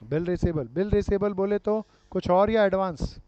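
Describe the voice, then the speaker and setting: A man's voice: sits high, moderate pace, warm tone, clean tone, no room sound. Male teacher, quizzing style, slightly dull lo-fi recording. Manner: quizzing students, calls them dear friends and brother. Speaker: commerce teacher. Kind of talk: classroom lecture with questions to students. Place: classroom. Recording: dull lo-fi sound.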